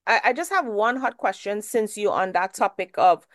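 A woman's voice: mid-range voice, lively intonation, moderate pace, no room sound, studio quality. A woman from Trinidad hosting an interview show, asking questions in a chatty, friendly way. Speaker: show host.

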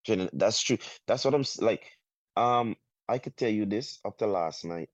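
A man from Guyana with a Guyanese accent, a soca artist talking in a casual interview, halting and full of restarts. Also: on the low side, dry recording. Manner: halting, many restarts, drawn-out phrases. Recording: dull, muffled sound.

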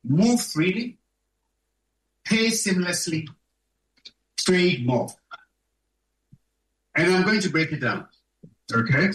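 A man's voice: high voice, lively intonation, slow pace, long pauses, fairly bright tone. A man giving a public speech at a conference, emphatic and fond of rhetorical questions to the audience. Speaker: conference speaker. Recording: echoey room, distant from mic.

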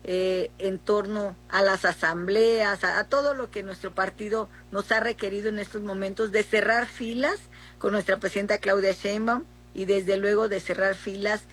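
A middle-aged Mexican woman senator answering in a political interview, speaking haltingly with many fillers and restarts. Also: mid-range voice, steady tone, slightly rough. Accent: Mexican Spanish.

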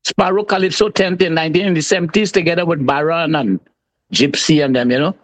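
A man in his seventies with a Trinidadian accent speaks emphatically, in a high voice. He repeats his points for effect. He is calling in remotely. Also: fairly even intonation, brisk. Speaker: calypso singer guest. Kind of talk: animated interview answer.

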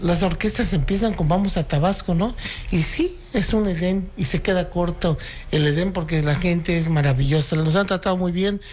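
A man's voice: high voice, moderate pace, darkish tone, slight background noise. A man in his sixties from Oaxaca with a Mexican accent, telling stories and reciting verses as a guest on a chat show. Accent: Mexican Spanish. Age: 60s. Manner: proud, storytelling, recites verses. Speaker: guest, cultural promoter. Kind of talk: casual radio chat.

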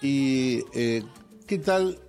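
A man's voice: mid-range voice, animated, extremely slow, darkish tone, faint music behind. A man hosting an interview, asking casual questions and teasing his guest. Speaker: interviewer, host.

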